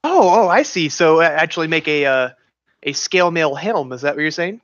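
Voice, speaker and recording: A man's voice: a little high, animated, a little fast, a bit bright, dry recording. Guy playing d&d, hesitant but upbeat, muffled lo-fi mic. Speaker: player. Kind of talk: casual tabletop play. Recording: dull lo-fi mic.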